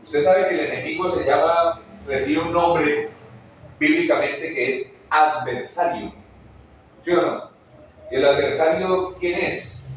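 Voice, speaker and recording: A man preaching a sermon in a church hall, animated and often putting questions to the congregation. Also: a little high, a little hiss or hum. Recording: echoey church hall, mic at a distance.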